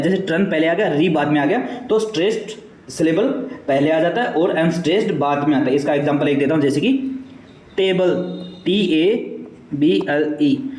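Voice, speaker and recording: A man's voice: high voice, darkish tone, roomy sound, low-quality recording. A male teacher giving a classroom lecture, explaining step by step, asking and then answering his own questions, mixing English terms into his Hindi.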